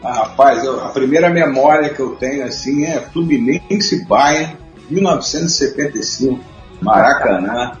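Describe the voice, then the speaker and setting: Animated man telling stories in a roomy studio. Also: medium pitch, moderate pace. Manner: animated storyteller, laughs often. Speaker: guest. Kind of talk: casual chat. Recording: muffled roomy sound with faint music.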